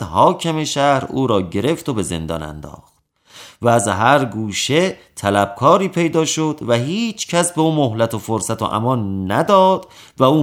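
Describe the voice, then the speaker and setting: A man reading an old folk tale aloud as storyteller, in a steady, even storytelling voice. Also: medium pitch.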